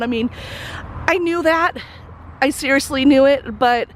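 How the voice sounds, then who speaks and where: A woman's voice: fairly high pitch, a little hiss or hum. A woman giving a casual walkthrough of her community garden outdoors, chatty and a little out of breath, with lots of fillers and restarts.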